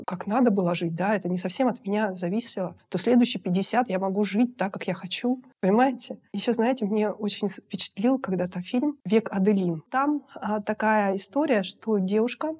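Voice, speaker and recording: A woman in her fifties, a guest in an interview, talking in a lively, chatty way and laughing easily. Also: mid-range voice, husky. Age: 50s. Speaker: guest, outsourced finance director. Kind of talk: casual interview talk.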